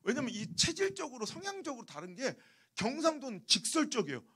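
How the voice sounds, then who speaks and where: A man from Chungcheong preaching a revival sermon, telling stories in an animated, humorous way. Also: very high voice, fairly quick, slightly rough. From Chungcheong, Korea. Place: church sanctuary.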